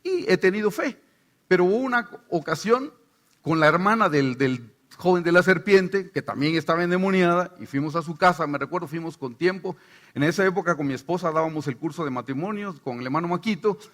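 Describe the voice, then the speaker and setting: A middle-aged man from Guatemala, a pastor with a Guatemalan Spanish accent, preaching a sermon and telling stories while acting out the voices of the people in them. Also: on the high side. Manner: animated storytelling, acts out voices.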